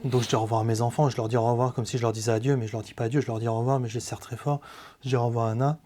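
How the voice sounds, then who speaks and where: Male guest telling his own faith story; warm, low-lit tone, hesitant and sincere. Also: flat delivery. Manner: halting, with many hesitations and restarts; earnest, confessional. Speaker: podcast guest giving a testimony. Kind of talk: personal faith testimony in conversation.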